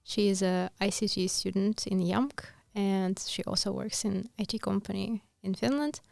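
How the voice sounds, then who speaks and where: Female podcast host, gravelly fry, dry close recording, friendly and plain. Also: mid-range voice, steady tone, normal speed, a little mellow, no echo. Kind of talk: podcast interview.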